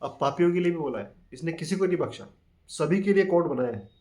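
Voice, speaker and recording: A man hosting a talk, reading scripture verses aloud slowly and then explaining them in plain with mixed in. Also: on the high side, expressive, darkish tone. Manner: reads quotes slowly, then explains in plain Hindi with English words. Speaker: channel host explaining a scripture.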